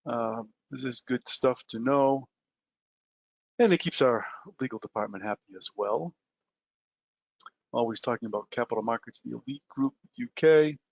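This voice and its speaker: A man runs a live trading webinar at normal speed and medium pitch, his voice showing vocal fry as he pauses often. He speaks conversationally and directly to listeners with many "uh" and "um" fillers, on lo-fi audio.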